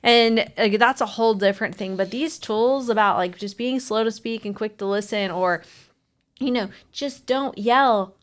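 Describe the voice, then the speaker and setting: A woman's voice: a little high, moderate pace, few pauses. A woman co-hosting a casual talk about marriage, speaking frankly and with many fillers. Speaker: marriage coach, co-host.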